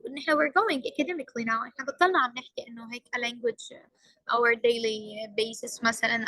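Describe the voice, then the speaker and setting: High bright-voiced woman trainer. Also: no room sound, rough recording. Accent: Levantine Arabic. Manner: mixes English into Arabic, emphatic. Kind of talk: workshop lecture.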